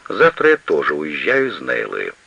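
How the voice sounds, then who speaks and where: A man's voice: extremely low pitch, huge pitch swings, moderate pace, vocal fry, sharp tone, breathy edge, pitched below the performer's own voice, full character voice. Man voicing a stubborn, gloomy young manager. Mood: firm. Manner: terse and unyielding. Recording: slightly lo-fi recording.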